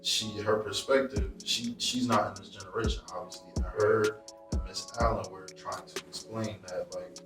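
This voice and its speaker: A man's voice: fairly low pitch, fairly even intonation, normal speed. A man co-hosting a podcast in casual, rambling conversation. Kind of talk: casual chat. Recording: echoey room, far from mic, music behind.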